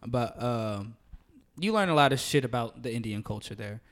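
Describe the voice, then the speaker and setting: A man's voice: mid-range voice, lively intonation, moderate pace, fairly bright tone. A young man chatting casually with friends in a frat-bro manner, slangy and full of swearing. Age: young adult. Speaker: podcast co-host. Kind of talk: casual chat among friends.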